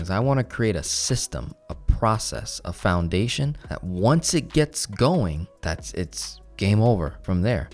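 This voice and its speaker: A young man leads a live online finance class. He talks with energy and keeps tossing rhetorical questions at his listeners. His voice sits a bit on the low side. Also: darkish tone. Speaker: finance coach.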